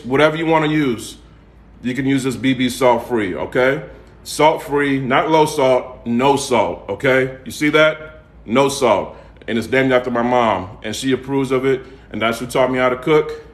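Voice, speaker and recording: Man, Southern US accent, casual livestream host, folksy sales chat, mid-range pitch, roomy echo. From United States, raised in Atlanta. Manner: folksy, repeats himself and tags phrases with "okay?" and "all right?". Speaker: home cook and seasoning seller hosting a livestream. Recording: echoey, roomy sound.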